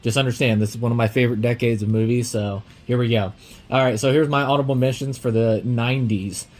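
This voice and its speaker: A young man hosts a casual movie podcast at home, eager and rambling, with lots of ums and uhs. A slight lisp from a dental aligner softens his consonants. His voice sits at an ordinary mid pitch for a man. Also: fast talker. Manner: rambling, filler-heavy, excitable. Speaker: podcast host.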